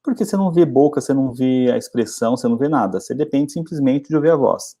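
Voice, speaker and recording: A middle-aged Brazilian man teaching English by telling stories about his own early struggles, in a chatty, animated way. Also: quick pace. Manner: chatty, animated storytelling with lively pitch jumps. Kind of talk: storytelling English lesson.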